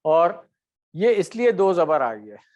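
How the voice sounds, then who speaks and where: Man, high-pitched teacher voice, corrective, quizzing students, online class. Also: big pitch swings, a little mellow, muffled recording. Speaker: Arabic grammar teacher.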